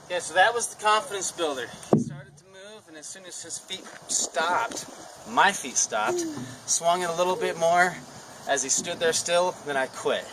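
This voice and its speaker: Outdoors in the wind, a horse trainer and instructor gives an informal, hands-on demonstration step by step, talking through it as he goes. His voice is fairly high and animated, at a normal speed. The mic is distant, with loud wind and other outdoor noise.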